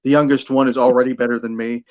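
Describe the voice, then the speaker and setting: A fast, flat, darkish mid-range male voice comes through with the highs cut off. The speaker, a middle-aged radio sports broadcaster from Buffalo, New York, in the US, is an interview guest talking casually about his broadcasting, often repeating words as he thinks.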